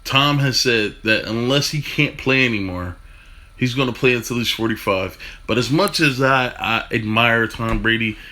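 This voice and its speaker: A man talking fast in a casual football rant, stumbling over restarts and swearing casually. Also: lowish voice, pushed and bright. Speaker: football fan commentator.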